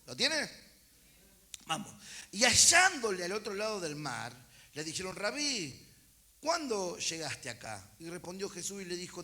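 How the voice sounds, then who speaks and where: A man's voice: fairly high pitch, bright, forceful tone. A man with a Rioplatense Argentine accent preaching a sermon, reading scripture aloud and calling out to his congregation with chatty asides. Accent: Rioplatense Argentine Spanish. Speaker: pastor. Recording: church service.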